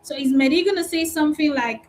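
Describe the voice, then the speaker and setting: A woman with a Nigerian accent, a customer support recruiter giving an animated, encouraging talk in a live online training session. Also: sits high, quick pace, soft background music, low-quality recording.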